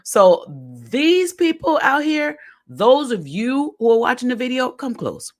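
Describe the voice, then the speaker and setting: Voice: sits high, big pitch swings, unhurried. A podcast host giving casual commentary while reading aloud from a web page, chatty and folksy, often stumbling over the words.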